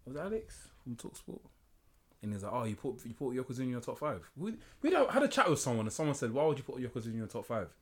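A man's voice: mid-range voice, very animated, quick pace, slightly rough. A man with a slangy London roadman accent, hosting a casual podcast chat. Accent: London, urban roadman. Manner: slangy, street-style talk. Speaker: podcast host.

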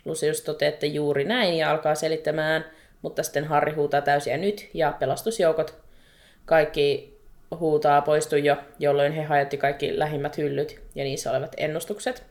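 Low-voiced woman retelling a story, animated. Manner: animated, exasperated, quick laughter, swears. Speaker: podcast co-host. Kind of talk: casual chat retelling a book chapter.

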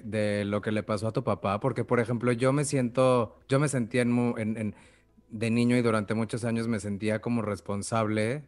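Hesitant male interviewer. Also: mid-range voice. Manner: hesitant, halting questions. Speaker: host. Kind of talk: interview conversation.

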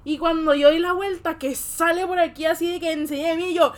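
High-voiced young Mexican woman telling a story. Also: fairly even intonation, fairly quick. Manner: slangy, storytelling, laughs often. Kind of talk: casual chat.

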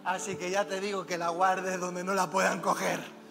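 A male pastor delivers a fervent, exhorting sermon and drops personal stories into it. His high voice carries through a long-reverb hall while music plays underneath. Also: little pitch movement, moderate pace, vocal fry.

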